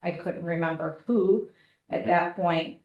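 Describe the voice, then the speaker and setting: Woman, paramedic witness, courtroom recording, polite and measured, even delivery, echoey. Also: on the low side, muffled recording. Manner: polite, measured, answering with "yes, sir". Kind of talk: courtroom testimony.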